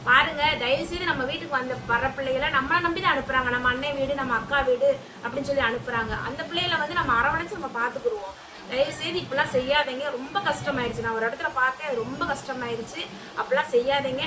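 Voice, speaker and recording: A woman vlogger earnestly pleading with her viewers and repeating her points. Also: high voice. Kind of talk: talking to viewers. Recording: echoey room, far from mic, noisy.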